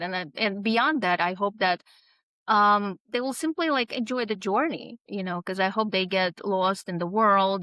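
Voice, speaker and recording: A woman author guest, who came from another country around age twenty-two, talks informally in an interview. Her voice is mid-range and a bit bright, with a very dry sound and no room noise. She speaks haltingly, often restarting and filling pauses.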